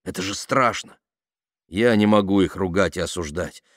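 A man voicing a gentle, soft-hearted young man who speaks earnestly. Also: deep voice, moderate pace, dry recording, lightly acted. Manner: calm and earnest.

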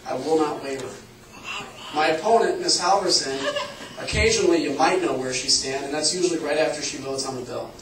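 A man's voice: fairly high pitch, brisk, background noise. A man in his thirties from Illinois, giving a campaign speech at a town hall in an earnest, conversational way. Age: 30s. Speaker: congressional candidate. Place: public meeting room. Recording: echoey room, far from the mic, faint ambience.

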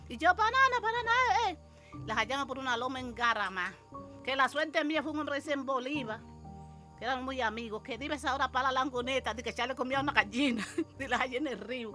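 An older woman, animatedly telling an interviewer her story as a mother and acting out the shouts and quotes in it. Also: sits high, quick pace, soft background music.

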